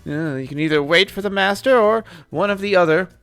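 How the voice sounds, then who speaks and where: A man's voice: sits high, fairly quick, a bit bright, smooth, faint music behind. A man voicing a prim male office clerk who speaks in an officious, bureaucratic way.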